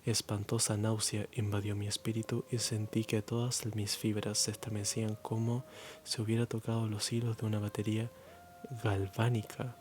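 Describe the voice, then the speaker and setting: A low-pitched man from Chile reads softly in a flat, even tone, as in an ASMR reading. He halts often, restarting words and filling gaps with hesitations. His throat sounds strained and a little muffled. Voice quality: low-energy, muted voice. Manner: halting, stumbling reading with frequent restarts and fillers. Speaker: ASMR reader.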